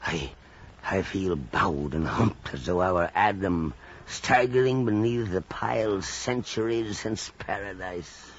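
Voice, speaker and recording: An actor playing a weary, obsessed old whaling captain in a theatrical, halting old time radio drama style. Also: male voice, sits low. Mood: weary, brooding. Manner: theatrical, halting, repeating phrases. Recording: muffled, noisy old radio drama recording.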